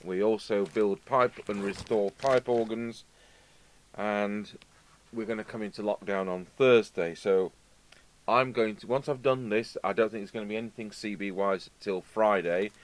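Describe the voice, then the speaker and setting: Unhurried and on the low side, an English video host from the United Kingdom who repairs radios demonstrates his craft while talking casually to camera. His unscripted chat meanders with asides, and a steady hum and background noise run underneath.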